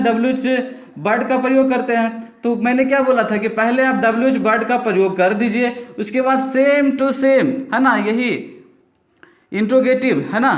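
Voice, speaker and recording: A man with an Indian accent and a very high voice teaches English grammar, a Hindi speaker walking through each rule. He breaks the lesson into small steps and keeps checking that the listener follows. The recording is dull and lo-fi, with a roomy echo. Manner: explains step by step with frequent "है ना" checks. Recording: echoey, dull lo-fi room recording.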